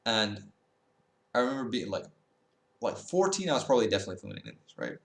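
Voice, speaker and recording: A Dutch-speaking language-learning YouTuber in his early twenties talks casually to camera, rambling with fillers and self-corrections. His lowish voice is sing-song and fast, in a reverberant space.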